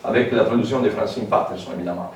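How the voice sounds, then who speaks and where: Speaking at a quick pace in a lowish voice, a man delivers a public lecture with a French accent and a foreign lilt. His style is informal and halting, full of asides and fillers, captured by a far-off mic in a very echoey hall with faint noise.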